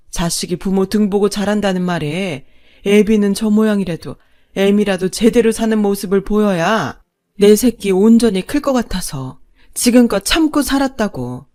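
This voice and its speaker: A woman's voice: medium pitch, a little mellow, close to an everyday voice. A woman voicing a fierce older mother-in-law who scolds with defiant force in a storybook narration.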